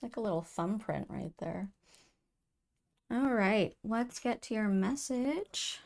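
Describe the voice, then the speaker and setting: A woman reads tarot cards for her viewers in a soft, earnest way, pausing and restarting as she goes. Her voice carries a gravelly fry, and she takes her time over every phrase. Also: medium pitch, lively intonation. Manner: soft, earnest and emotional, with many fillers and restarts. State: tearful at times. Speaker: tarot reader. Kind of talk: intuitive tarot reading to camera.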